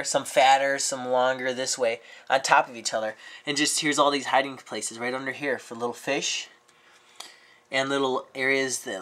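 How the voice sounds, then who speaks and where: Sick with a cold, this man chats his way through a show-and-tell vlog about his aquarium hobby from inside his home. His voice is mid-range and a bit bright, and he stumbles along with plenty of ums and false starts.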